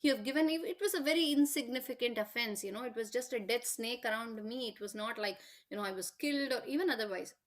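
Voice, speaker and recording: A woman voicing a calm old sage who laments a wrong, speaking in a mournful, earnest way. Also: high voice, lightly acted.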